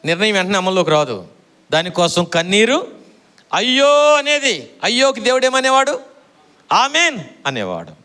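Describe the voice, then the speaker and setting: Middle-aged guy preaching, high voice that swings all over, keeps asking the crowd to answer back. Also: normal speed, clean tone. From Andhra Pradesh, India. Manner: animated, repeats phrases, quizzes the congregation for answers. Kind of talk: sermon.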